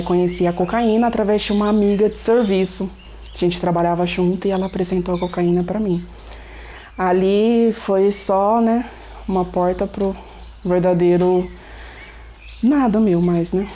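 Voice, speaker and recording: A young Brazilian woman, a resident, shares a reflective personal testimony and often closes her phrases with tag questions. Her voice is fairly low and dark in tone, with a little hiss or hum on the recording.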